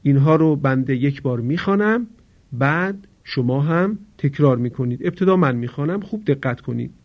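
A man teaching Quran recitation rules, explaining briskly, then chanting example words slowly for students to repeat. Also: fairly high pitch, expressive. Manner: slow drawn-out recitation of example words between quick explanations. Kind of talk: tajwid lesson with call-and-repeat recitation. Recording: dull lo-fi recording.

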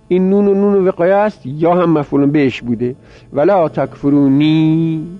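A male teacher giving a grammar lecture, explaining step by step and repeating words aloud as drills. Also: medium pitch. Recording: dull lo-fi recording with mains hum.

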